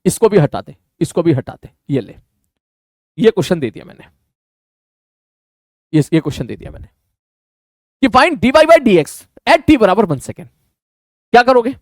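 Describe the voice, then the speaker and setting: Hindi maths teacher guy, high-ish voice, chatty q and a style, dry close mic. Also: very animated, measured pace, pauses often, a little mellow, dry recording. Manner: casual, addresses students informally, asks and answers his own questions. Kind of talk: online maths lecture.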